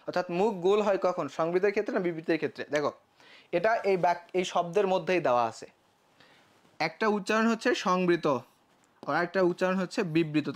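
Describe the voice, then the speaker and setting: High-voiced young man teaching a live class. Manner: explains step by step with rhetorical questions; acts out student questions himself. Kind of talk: live online class lecture.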